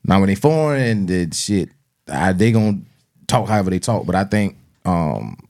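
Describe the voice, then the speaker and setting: A man's voice: deep voice, very animated, moderate pace, darkish tone. A man with a South Carolina Southern accent chatting and debating casually as a podcast host, using slang and swearing freely.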